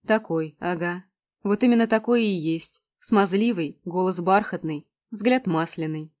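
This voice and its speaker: A woman's voice: fairly low pitch, a little slow, darkish tone, lightly acted. Woman playing a dry, sarcastic young woman.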